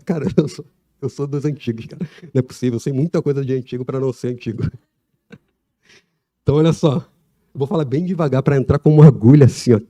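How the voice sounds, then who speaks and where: A middle-aged man, preaching a sermon in a church in a relaxed, conversational way, with laughs and asides. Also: mid-range voice.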